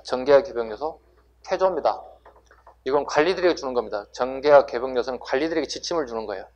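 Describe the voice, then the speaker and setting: Emphatic man lecturing a class. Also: mid-range voice. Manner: rhetorical questions, answering himself, emphatic. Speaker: civil service exam history lecturer.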